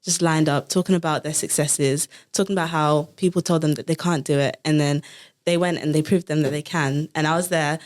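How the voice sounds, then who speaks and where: A woman's voice: deep voice, brisk. A 20-year-old woman, originally from Ghana, an engineering student who tells stories animatedly. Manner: animated storyteller. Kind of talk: casual podcast chat.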